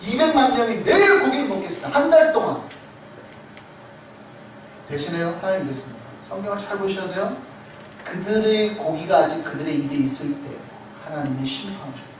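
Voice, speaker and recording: Animated male pastor preaching in echoey church. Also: sits high, a little fast. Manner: animated storytelling, acts out quoted voices. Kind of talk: sermon. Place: church sanctuary. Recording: echoey sanctuary, distant mic, noisy.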